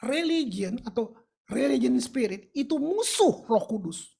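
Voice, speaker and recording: A woman's voice: a little high, animated, a little slow, creaky, mellow, husky. A woman preaching a sermon in a colloquial, emphatic way, with English phrases mixed in.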